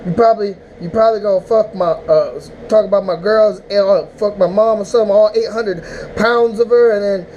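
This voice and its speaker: A man casually recapping a rap battle, rambling and animated, with mock-emotional outbursts. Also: high-pitched, fairly quick, hardly any pauses, muffled recording, a little hiss or hum. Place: indoors, smoking while talking.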